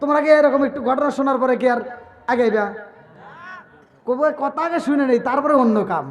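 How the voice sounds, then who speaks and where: A preacher delivering a waz sermon in a very high, piercing voice. He talks in folksy dialect and teases his listeners between the stories. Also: a little fast. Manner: folksy, teasing the audience in dialect. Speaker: Islamic preacher. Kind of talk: waz sermon with chanted storytelling.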